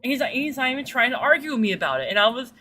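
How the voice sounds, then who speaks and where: A streamer with a bright, forward voice that's fairly deep for a woman rambles through stories while gaming and chatting with viewers. She talks very fast, uses slang and some swearing, and acts out quotes animatedly over faint background noise.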